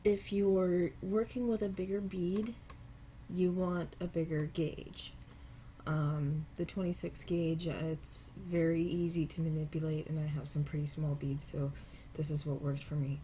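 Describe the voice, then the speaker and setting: A low-pitched woman with a cold sounds stuffy as she talks viewers through making earrings at her home craft table in a casual step-by-step tutorial. She is relaxed and unhurried, occasionally pausing to apologize, with a faint hiss of background noise behind her.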